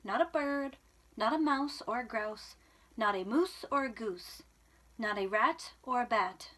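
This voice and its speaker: A woman's voice: a little high, expressive, unhurried, fairly bright tone. A woman voicing a stern, exasperated mother cat in a storybook, lecturing her kitten. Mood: stern scolding. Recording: clear background room noise.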